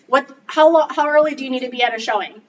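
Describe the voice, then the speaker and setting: A woman's voice: high-pitched, fast talker. A woman trainer giving an upbeat, casual coaching talk to a group in a meeting room. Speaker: real estate trainer. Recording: distant, dull mic with faint noise.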